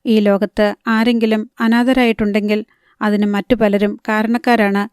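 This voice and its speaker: A woman reading a crime thriller audiobook in a measured storytelling manner. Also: medium pitch, flat delivery, darkish tone, smooth, no room sound, clean studio sound. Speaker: audiobook narrator. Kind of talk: scripted narration of a crime thriller.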